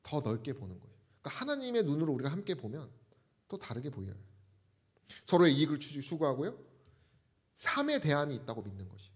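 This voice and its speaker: Animated male pastor preaching. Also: fairly high pitch. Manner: animated preaching with rhetorical questions. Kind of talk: sermon.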